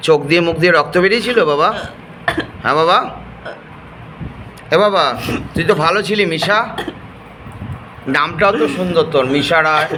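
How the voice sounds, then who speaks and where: Gently coaxing man, soft questioning. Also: a little high, noisy background. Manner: soft, coaxing, repeats endearments. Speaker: assistant at an exorcism ritual. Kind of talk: coaxing questioning of a possessed person.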